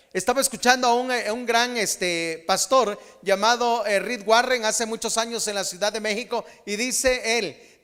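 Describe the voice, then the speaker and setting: A middle-aged man preaching a humorous, animated sermon as a pastor. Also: extremely high pitch, in a large hall.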